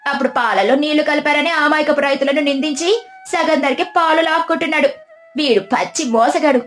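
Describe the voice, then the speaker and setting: A woman's voice: on the high side, steady tone, normal speed, close to an everyday voice. A woman voicing a clever young farmer's wife who speaks politely but firmly. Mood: stern. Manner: polite but firm, turning stern.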